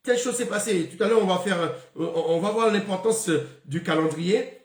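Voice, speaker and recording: A man's voice: sits high, moderate pace, echoey room. A man giving a spoken Bible lesson, stopping often with fillers and repeated words. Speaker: Bible teacher.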